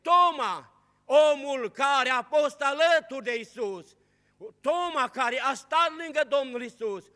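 Fervent high-voiced preacher in a reverberant hall. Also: male voice. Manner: fervent preaching, swings between loud and hushed. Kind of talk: sermon.

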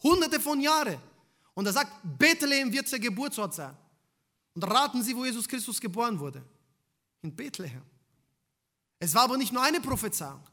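A man preaching a sermon, putting rhetorical questions to the congregation and swinging between loud emphasis and hushed lines. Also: extremely high pitch, big pitch swings, moderate pace, pauses often.

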